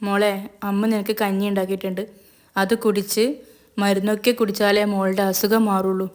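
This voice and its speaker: A frightened young mother pleading for help with her sick child, read by a woman storyteller. The voice is smooth and clear, and it stays fairly level in pitch. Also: little pitch movement, normal speed, close to an everyday voice. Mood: worried pleading. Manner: pleading, worried.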